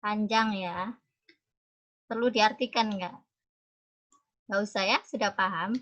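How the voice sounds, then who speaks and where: A woman's voice: medium pitch, steady tone, slow pace, fairly bright tone, lo-fi sound. A young woman lecturer with an Indonesian accent, moving between English and Indonesian as she explains terms patiently to her class. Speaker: university lecturer.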